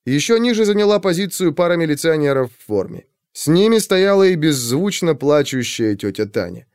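A man narrating a crime story as a scripted audiobook, in an expressive, dramatic way. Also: fairly high pitch, fairly quick, clean tone, no room sound, clean studio sound.

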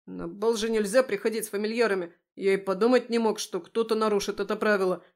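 A woman voicing a flustered young male dark elf who stammers nervously. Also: mid-range voice, steady tone, quick pace, close to an everyday voice.

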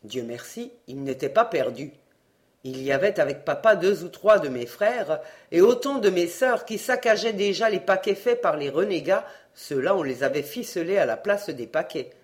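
Measured audiobook narrator. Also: medium pitch, expressive. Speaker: audiobook reader. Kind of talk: adventure novel reading.

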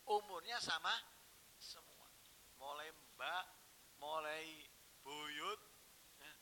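A man preaching a sermon, telling stories and swinging from hushed, quiet phrases to loud, emphatic ones. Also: on the high side, slight background noise, poor audio.

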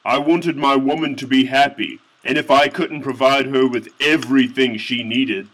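A man's voice: medium pitch, fairly even intonation, normal speed, a bit bright, low-quality recording. A man narrating a satirical fantasy story in a mock-earnest tone with indignant outbursts.

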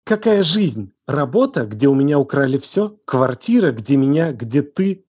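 A man voicing a distraught young woman who raised the man she now accuses, her voice trembling, shouting and hissing. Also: medium pitch, animated, moderate pace, husky, dry recording. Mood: bitter. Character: distraught furious young woman, betrayed guardian.

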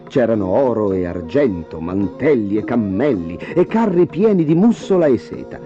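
A man narrating a fairy tale in a dramatic, expressive way, in a dull lo-fi audiobook recording. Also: mid-range voice. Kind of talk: storybook reading.

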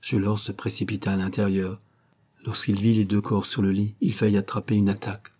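A man reading a novel aloud as the narrator, in a steady, measured way. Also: lowish voice. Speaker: audiobook narrator. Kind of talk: scripted narration.

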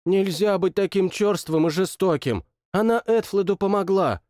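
A man voicing a blunt woman cook who scolds her master in a low mutter. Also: animated, moderate pace, darkish tone, no room sound, clean studio sound. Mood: reproachful. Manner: muttering, reproachful. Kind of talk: audiobook narration.

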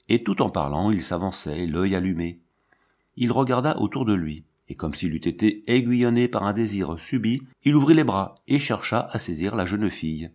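A man reading an audiobook story aloud in steady, dramatic narration. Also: lowish voice. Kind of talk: scripted narration.

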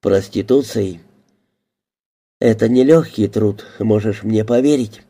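A man reading the lines of a defiant woman with a hidden past, answering in sharp, defensive retorts. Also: fairly low pitch, slow pace, gravelly, heavily acted.

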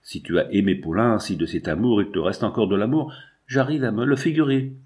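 A man's voice: fairly low pitch, a little fast, a little mellow, close to an everyday voice. A man reading the lines of an anguished young man who accuses and protests vehemently, in a storybook reading. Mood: indignant.

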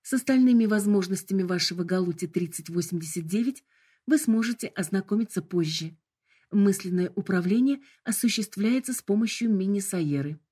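A woman's voice: mid-range voice, brisk, mellow, breathy edge, close to an everyday voice. A woman voicing a sickly sweet, politely formal female hologram assistant.

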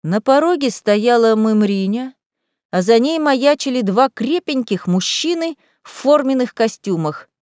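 A woman reading a storybook aloud in a lively, expressive way. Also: on the high side, a little slow, no room sound, clean studio sound. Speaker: audiobook reader. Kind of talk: storybook narration.

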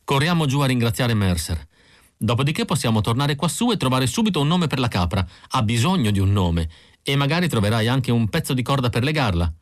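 A man voicing an excited, affectionate young wife in an audiobook reading. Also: medium pitch, fairly quick, dry recording, clean studio sound, pitched above the performer's own voice, lightly acted. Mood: eager.

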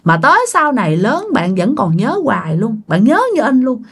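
A woman's voice: on the high side, sing-song, moderate pace, slightly rough. A woman telling a ghost story in a chatty, casual way, talking straight to her listeners. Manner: chatty, addresses listeners directly.

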